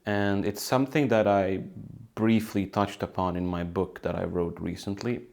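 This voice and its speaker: Low-voiced young man musing slowly. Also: steady tone, creaky, darkish tone. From Bosnia. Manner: thoughtful, halting, with many fillers and restarts. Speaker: author and video host. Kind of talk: reflective solo talk to camera. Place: room at home by a sunny window.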